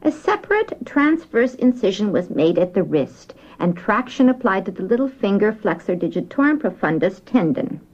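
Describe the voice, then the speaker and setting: Lady surgeon doing formal dictation, careful enunciation, pitch moves around a lot, kinda muffled lofi audio. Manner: precise, enunciated, spells out words. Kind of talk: formal medical dictation, scripted reading. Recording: dull lo-fi dictation recording.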